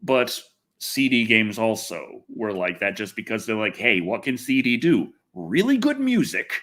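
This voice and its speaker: A man on the lower side of the pitch range speaks a little slowly as he hosts a relaxed livestream about gaming and movies. His talk is animated and meandering, full of self-interruptions.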